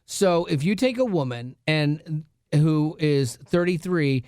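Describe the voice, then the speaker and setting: Talk host, man, lifted pitch, dry close studio sound, storyteller who mimics others. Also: expressive, takes it slowly, a little mellow, clean tone, no room sound. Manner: chatty storyteller, acts out quoted voices. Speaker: radio host and interviewer. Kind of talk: casual podcast chat.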